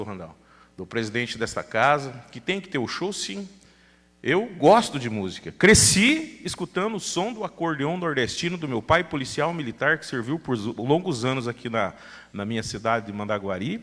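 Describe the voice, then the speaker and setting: A man's voice: mid-range voice, sharp tone. A man with a Brazilian accent from Paraná, a city councilor giving an emphatic formal speech at a public hearing. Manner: emphatic, thanks dignitaries at length. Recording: reverberant council chamber PA.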